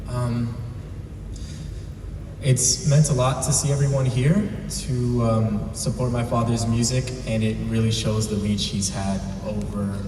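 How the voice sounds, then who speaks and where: Young guy thanking folks at a memorial, kinda hesitant, flat low voice, echoey and far from the mic. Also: a little slow. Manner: soft-spoken, hesitant, many ums. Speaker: son speaking at a memorial. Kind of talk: short memorial speech. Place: large hall at a podium. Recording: echoey hall from a distance with noise.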